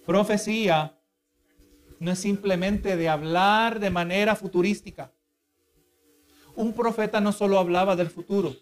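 A male preacher giving a sermon, earnest and explanatory, who keeps asking the congregation for agreement. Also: high voice. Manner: asks the congregation for agreement again and again; earnest, explanatory, with repeated restarts.

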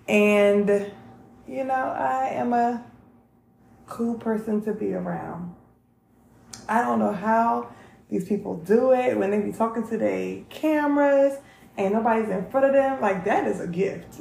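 A woman's voice: a little high, gravelly, a little mellow, roomy sound, slight background noise, rough recording. A woman, chatting candidly to camera in a casual vlog and swearing freely. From North Carolina. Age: 30s. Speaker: vlog host.

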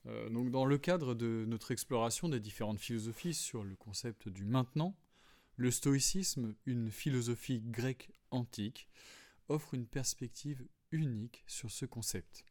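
A man hosting a solo podcast, calmly explaining philosophy, with frequent fillers and restarts. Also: mid-range voice, a little slow. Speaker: podcast host. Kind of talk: reflective solo talk on philosophy.

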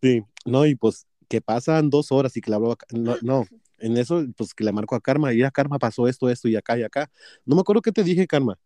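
Mexican man, gossipy profane storyteller, mellow voice, dry close sound. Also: medium pitch, fast talker, no room sound. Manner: profane, gossipy, acts out both sides of quarrels. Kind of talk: casual storytelling chat.

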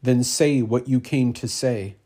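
A stern, dignified older father from an audiobook, as a male narrator voices him. His formal, severe words come slow and low, with a warm, dark tone. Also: close to an everyday voice.

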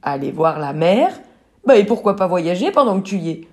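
Lady doing a strict dad rooster from a kids book, low and slow, scolding. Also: big pitch swings, darkish tone. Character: stern old-fashioned father rooster.

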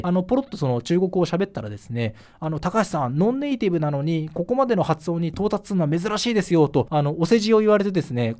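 A man from Fukushima, Japan, hosting a solo podcast in a chatty, animated way with frequent fillers. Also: high-pitched. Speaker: podcast host.

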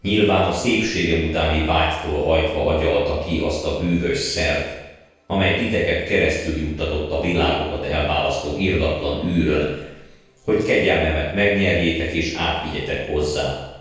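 A man playing a cruel witch queen, very deep voice, drenched in reverb, contemptuous. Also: a bit bright. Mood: scheming. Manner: haughty, commanding, contemptuous. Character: proud cruel witch queen, scornful and imperious. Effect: heavy echo reverb on the voice. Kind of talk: audiobook character voice. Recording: strong added echo, faint music.

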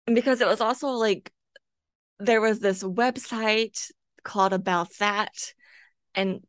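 A woman's voice: medium pitch, fairly even intonation, a little slow, smooth, no echo. Brief: woman podcast co-host, casual book chat, dry close sound. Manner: chatty, lots of "like" and "kinda". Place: home, with her cat nearby.

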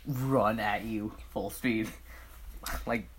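A man's voice: on the low side, steady tone, extremely slow, a little hiss or hum. Giggly rambling young man. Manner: rambling, giggly, with many fillers and restarts. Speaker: podcast co-host. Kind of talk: casual chat.

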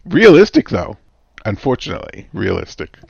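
A man's voice: mid-range voice, wildly swooping pitch, normal speed, gravelly, a little mellow, slightly rough, no room sound. A man in casual chat about a film, animatedly retelling scenes and repeating himself as he goes. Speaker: podcast co-host discussing a film. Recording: dull lo-fi recording.

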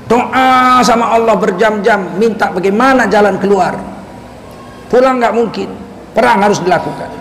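High-voiced man preaching a lively sermon. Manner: animated storytelling with jokes. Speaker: Islamic preacher. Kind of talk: sermon storytelling. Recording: echoey hall, faint background noise.

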